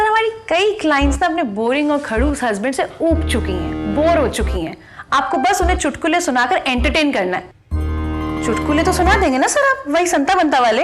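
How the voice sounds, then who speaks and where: A woman voices a pushy, sassy female call center agent in a comedy phone sketch. Her voice sits very high and her retorts come quick and sharp. Music plays underneath throughout. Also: sing-song. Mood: persuasive.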